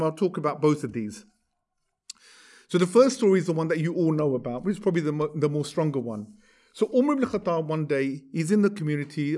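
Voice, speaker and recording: A man's voice: a little high, a little mellow. A man, teaching a class by retelling a story in a conversational way, often checking in with the listeners. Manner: conversational, asks "right?" to check in. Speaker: religious teacher. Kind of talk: storytelling lecture.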